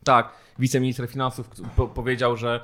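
A man's voice: medium pitch, completely flat delivery, brisk, a bit bright. A man co-hosting a casual podcast discussion, talking in an indignant, emphatic, colloquial way. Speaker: podcast co-host.

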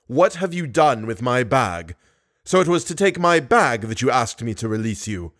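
A man's voice: mid-range voice, big pitch swings, normal speed, close to an everyday voice. A man voicing a furious, possessive male monster who taunts and demands in an audiobook story.

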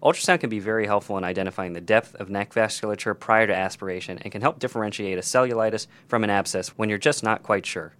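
A man's voice: lowish voice, steady tone, fast, hardly any pauses, fairly bright tone. A man co-hosting a scripted emergency medicine teaching podcast, explaining procedures in detail, step by step.

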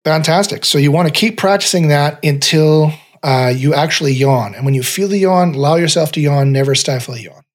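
A middle-aged man leads a meditation exercise as a podcast guest. His voice sits slightly high and sounds husky. He rambles, restarts and repeats his instructions over and over. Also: a little fast, few pauses. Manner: rambling, searching for words, repeats himself.

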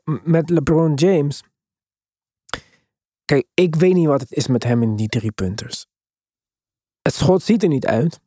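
A male sports host with a relaxed, dark-edged voice at middle pitch. He talks casually but emphatically and slips English sports terms into his speech. The sound is dry and close. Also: no echo. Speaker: podcast host.

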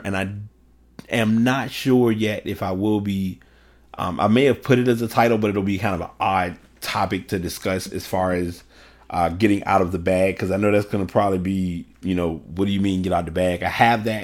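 A man with a fairly low voice hosts a solo podcast into a desktop microphone. He talks casually and loosely, doubling back and correcting himself as he goes. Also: a little mellow. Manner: conversational, rambling with restarts and self-corrections. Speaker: podcast host. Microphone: desktop USB microphone.

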